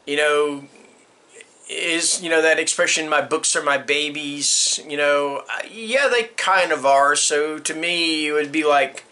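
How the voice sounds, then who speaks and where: A middle-aged man talking casually to the camera about his books. His voice sits a bit high for a man and sounds bright and forceful. He rambles, restarts and drifts into chatty rants. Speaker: book vlogger. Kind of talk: casual chat answering a tag. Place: room with bookshelves.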